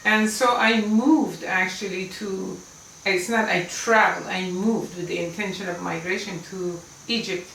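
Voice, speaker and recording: A woman in her seventies, a native Farsi speaker and Islamic lecturer, earnestly and emphatically recounts her life story, now and then giving a small laugh. Her mid-range voice is creaky and a bit bright, with fairly even intonation and a slightly slow pace. The recording is roomy, from a distant mic, with faint ambience and a little hiss or hum.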